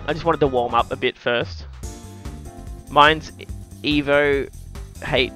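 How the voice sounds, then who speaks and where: An Australian man live-streaming a game, chatting casually in a blokey way with mild swearing and slang. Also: medium pitch. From New South Wales, Australia. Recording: loud game music and engine noise behind. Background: racing game music and car sounds.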